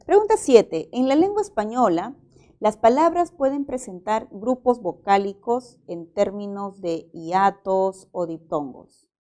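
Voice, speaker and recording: A woman's voice: medium pitch, lively intonation, unhurried, warm tone. A woman teacher, working methodically through exam-prep language exercises and explaining each example aloud.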